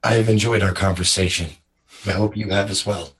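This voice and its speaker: A man's voice: low voice, steady tone, brisk, fairly bright tone. A man playing a courteous, formal droid. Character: polite, formal male droid.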